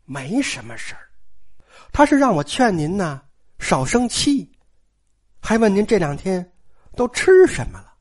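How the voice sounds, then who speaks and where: A storyteller voicing a careful young female servant who speaks low and measured. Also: huge pitch swings, a little mellow.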